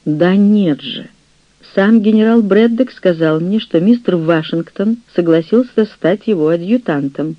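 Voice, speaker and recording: A man reading an audiobook, voicing an earnest, proud young gentleman who speaks with indignation. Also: sits high, a little slow, no room sound, dull audio.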